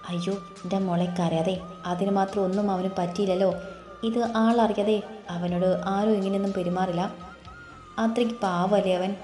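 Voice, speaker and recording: A woman voicing a caring, worried middle-aged mother who soothes and gently scolds, in a storybook reading with faint music in an echoey room. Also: mid-range voice, fairly even intonation, normal speed, lightly acted. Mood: soothing.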